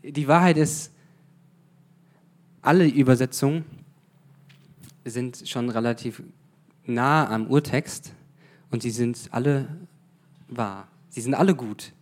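A man preaching in a loose, conversational way, often pausing on fillers and restarting his sentences. He asks his listeners questions and slips in the odd English phrase. His pitch sits in an ordinary middle range. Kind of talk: informal sermon.

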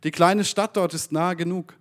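A man's voice: high voice, fairly even intonation, moderate pace, voice pushed up, natural voice. A man voicing an anxious grown man who pleads earnestly, read aloud in a sermon. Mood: begging.

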